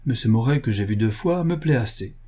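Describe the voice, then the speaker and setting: A man's voice: medium pitch, lively intonation, fairly quick, dark tone, slightly rough. A man reading the part of a young, proud noble heiress who speaks in a cold, decisive, commanding manner. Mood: wistful.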